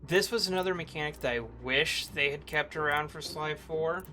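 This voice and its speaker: A man's voice: fairly high pitch, steady tone, normal speed, bright, forceful tone. A man casually commenting on his game playthrough, rambling with lots of fillers. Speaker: game streamer. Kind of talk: casual let's-play commentary. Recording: game music playing behind.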